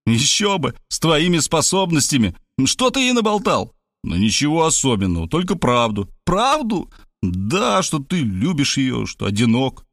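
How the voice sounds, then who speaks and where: A man voicing a flustered male old friend who mutters quickly and pleads, in an audiobook reading. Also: fairly high pitch, big pitch swings, a bit bright, dry recording, clean studio sound, pitched above the performer's own voice, heavily acted. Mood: defensive.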